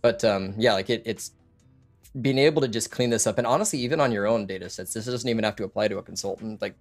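With a lowish voice and a fast delivery, a man in his thirties hosts a casual interview by video call, talking loosely with many fillers and restarts. Soft background music plays in his home room, which has lit wall panels and a couch.

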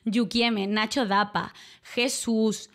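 A woman's voice: fairly high pitch, steady tone, takes it slowly. A woman chatting casually on a livestream, rambling, laughing often and thanking viewers by name. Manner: reads out viewer names and thanks them. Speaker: livestream guest.

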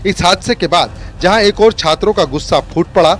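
A man reading a scripted news report as a voice-over in a steady, formal manner. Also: high-pitched, brisk, slight background noise.

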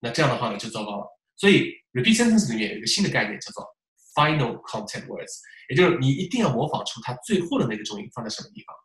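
A man lecturing as a test-prep teacher, lively and full of rhetorical questions as he demonstrates examples aloud. His voice sits in a middle pitch. The recording carries a roomy echo. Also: rapid-fire. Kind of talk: classroom-style lecture.

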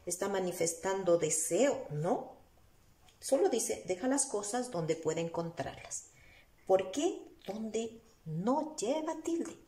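A woman teacher with an Ecuadorian Spanish accent explains a lesson slowly, step by step, asking her students rhetorical questions as she writes on the board. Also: medium pitch, very animated, dark tone. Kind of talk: recorded class lesson. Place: room with a whiteboard. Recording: echoey room.

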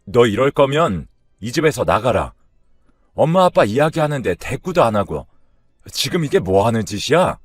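A man voicing a stern middle-aged father scolding his silent daughter in a loud voice. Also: medium pitch, very animated, normal speed, dry recording. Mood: angry. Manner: scolding, raised voice.

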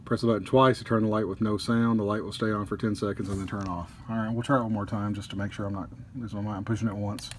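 Relaxed low-voiced man reviewing a collectible. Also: a little hiss or hum. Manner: easygoing, with frequent "uh" pauses. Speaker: toy collector reviewing a statue. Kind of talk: casual product review. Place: indoors at a table.

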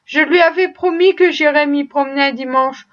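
A woman reading the part of a kind, grieving father who speaks gently. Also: high-pitched, moderate pace, muffled recording, natural voice. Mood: gentle sorrow.

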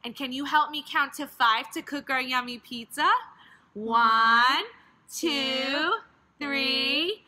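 A woman in her thirties leads a playful children's gymnastics lesson with animated, exaggerated, encouraging sing-song delivery, recorded in a large gym by a camera a few metres away. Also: high-pitched, takes it slowly. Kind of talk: playful guided exercise lesson for young children. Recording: faint room noise, camera across gym.

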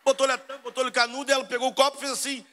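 A middle-aged Brazilian preacher with a Carioca accent delivers a sermon as a lively story. His voice sits high and sounds bright and forceful. He acts out each character's lines and keeps turning to the congregation as brothers. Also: rapid-fire, in a large hall. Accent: Carioca Portuguese. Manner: storytelling, acts out dialogue, addresses crowd as brother.

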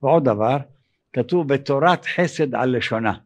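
An older man, a rabbi giving an evening sermon, who pauses often and acts out dialogue in an animated, raised voice. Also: medium pitch. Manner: halting, with frequent hesitations.

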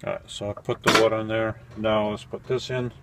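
Lower-voiced man thinking aloud in a van. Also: little pitch movement, a little fast, noisy background. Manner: thinking aloud, self-correcting, mildly puzzled. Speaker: van-life vlogger. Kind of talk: casual how-to talk while making coffee. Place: small cluttered van interior at night.

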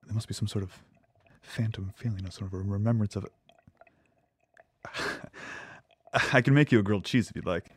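In an audio drama, a male actor voices a nervous, devoted lab assistant who speaks earnestly with hesitant stammers, sounding awkward. His voice is fairly low-pitched, fast and slightly rough.

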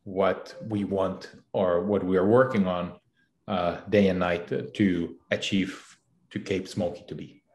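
Man from the Republic, halting, in an echoey room. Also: low-pitched, fairly even intonation, a little mellow. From Czech Republic. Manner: halting, many fillers and restarts. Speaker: CEO guest. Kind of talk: casual interview answers.

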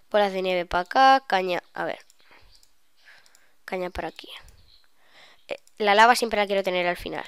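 Smooth-voiced young woman gamer. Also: mid-range voice, no room sound. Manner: chatty, excitable, bursts of shrieks. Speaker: gaming YouTuber. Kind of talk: live gameplay commentary.

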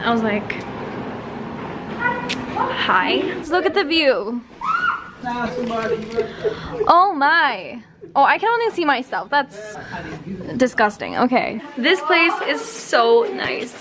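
Playful high-voiced young woman vlogging. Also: sing-song, slow pace, long pauses, crowd noise. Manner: playful, jokey, breaks into song. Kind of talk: casual travel vlog. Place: hotel room and bathroom. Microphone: phone at arm's length.

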